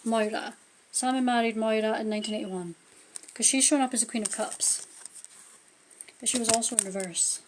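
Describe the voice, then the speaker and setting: A woman from Scotland, doing an informal tarot reading on a live stream, thinks aloud and tapers off as each card turns over. Her high-ish voice holds a steady tone at normal speed, and the phone or webcam recording is rough, with a little hiss or hum.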